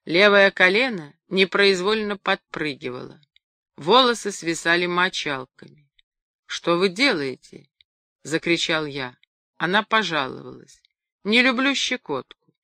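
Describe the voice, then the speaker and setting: Bright-voiced woman reading an audiobook. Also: lowish voice, no echo, clean studio sound. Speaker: audiobook narrator. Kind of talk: scripted narration.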